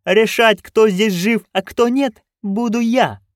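A man voicing a haughty, scornful duchess in an audiobook, high, sharp and commanding. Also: slow, no room sound, clean studio sound. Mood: imperious. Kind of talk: audiobook reading.

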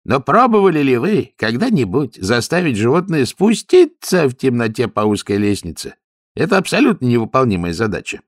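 A man voicing an excitable male city guard who explains things eagerly. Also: mid-range voice, moderate pace, dry recording, clean studio sound, voice pushed up.

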